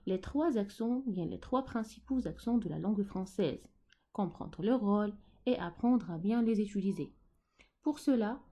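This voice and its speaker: Slow, lively-voiced woman teaching French. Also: a little high. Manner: slow, repeats herself, stresses words. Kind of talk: teaching a grammar lesson to pupils.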